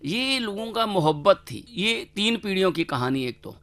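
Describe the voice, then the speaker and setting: A man's voice: high voice, expressive, moderate pace, sharp tone. A man in his fifties from India, a cartoonist guest in a radio interview, telling stories in a reflective way. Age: 50s. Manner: reflective, storytelling.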